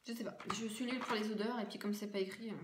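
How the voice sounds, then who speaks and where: A woman's voice: medium pitch, fairly even intonation, racing. A French woman chatting casually through a haul video, rambling and full of fillers. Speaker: beauty vlogger. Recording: echoey room with faint noise.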